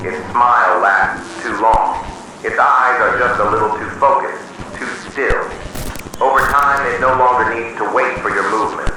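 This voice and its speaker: Solemn and measured, a mid-range male voice delivers a scripted horror-style emergency announcement in an official manner. The audio is distant, noisy, and drenched in echo like an emergency broadcast.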